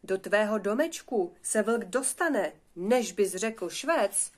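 A woman voicing the wise, hardworking eldest piglet in a storybook, speaking in a calm, measured and reassuring way. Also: mid-range voice, lightly acted. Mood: warning.

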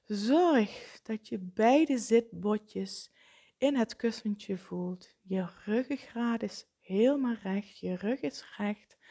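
A woman leading a guided meditation, speaking softly with frequent breathy, half-whispered phrases. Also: medium pitch. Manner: slow, soft-spoken, often breathy and whispered.

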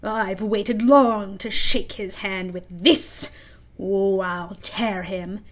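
A woman voicing a vain, brooding, menacing pirate captain from a storybook, with dark, theatrical, emphatic delivery. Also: fairly high pitch, unhurried. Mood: furious, vengeful.

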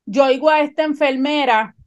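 A woman, telling a personal story in animated conversation and often checking that her listener follows. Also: high-pitched, moderate pace, muffled recording.

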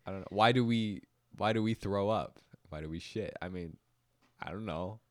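Deep-voiced, teasing young man. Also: normal speed, no room sound. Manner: dry, teasing, deadpan jokes. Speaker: podcast co-host. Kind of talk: casual chat.

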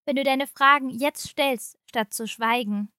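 A woman's voice: high voice, unhurried, pushed and bright, no echo, studio quality. A woman voicing a stressed mother on the phone in a story reading, strained and trying to stay polite. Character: stressed, harried young mother. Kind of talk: audiobook reading of a short story.

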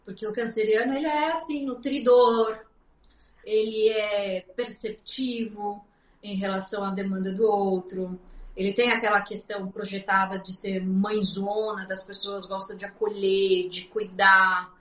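A woman's voice: medium pitch, fairly even intonation, unhurried, fairly bright tone. Earnest woman explaining, echoey and dull. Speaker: astrologer guest. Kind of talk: casual interview chat.

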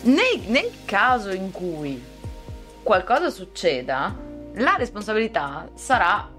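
A woman's voice: medium pitch, sing-song, takes it slowly, fairly bright tone, faint music behind. A woman co-hosting a casual podcast, explaining things step by step. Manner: explanatory, methodical, checks in with "ok?". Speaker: podcast co-host.

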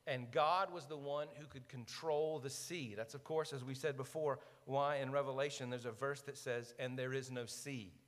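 A man preaching a conversational sermon, asking the congregation questions and dropping to a hushed voice to stress key points. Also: medium pitch, fairly even intonation, moderate pace, hardly any pauses. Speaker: pastor. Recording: long reverb of a large hall.

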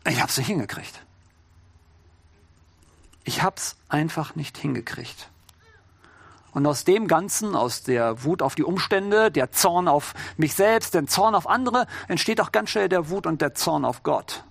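Middle-aged man, relaxed chatty preacher, high voice, dry close sound, keeps asking the congregation questions. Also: measured pace, gravelly, no echo. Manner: informal, addresses the congregation with rhetorical questions. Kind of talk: conversational sermon.

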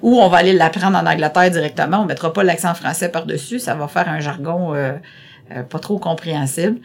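A middle-aged woman from Quebec, with a Québécois French accent, answers questions in a casual interview. She's chatty and rambling, full of hesitations and repeated words. Her low voice is gravelly and a little fast.

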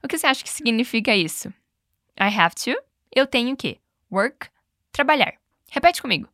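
A woman teaching English and running repeat-after-me drills, speaking clearly and patiently and slowing down on model phrases. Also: a little high, animated, a bit bright, no echo, studio quality. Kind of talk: bilingual language lesson with repeat drills.

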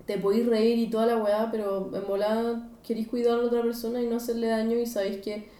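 A woman with a Chilean Spanish accent talks casually and thoughtfully, hedging her points with slang. Her voice is mellow and middle-pitched, heard from a bit away from the mic in an echoey room. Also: flat delivery, quick pace, distant mic. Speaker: podcast guest. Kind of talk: casual chat.

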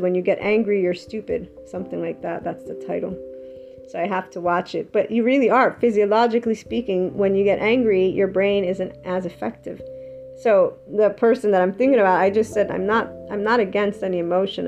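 A woman's voice: on the low side, gravelly. A woman giving an earnest, rambling solo talk about anger, love and self-belief, in a conversational way. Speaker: self-help speaker. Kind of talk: reflective solo talk on emotions. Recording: slightly muffled with soft guitar music.

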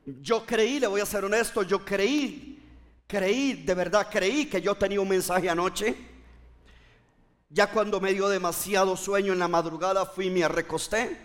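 A man's voice: sits high, measured pace, a bit bright, in a large hall. A male pastor preaching a fervent sermon, repeating phrases and urging the congregation to respond. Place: church.

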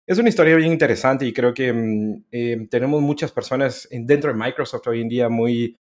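Speaking a little fast at medium pitch, a man from Central America, an American, talks as a guest in a casual podcast interview. He comes across as friendly and talkative and laughs readily.

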